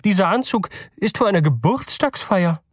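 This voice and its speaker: A man's voice: animated, no room sound, studio quality. A man reading aloud, voicing a polite and curious male shop salesman in a raised, fussy voice. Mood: polite puzzled. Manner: high, slow, politely puzzled.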